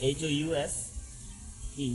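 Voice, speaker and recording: A man's voice: takes it slowly, music in the background, low-quality recording. A man teaching an English pronunciation lesson, explaining step by step and often checking in with "right?". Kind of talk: spoken language lesson.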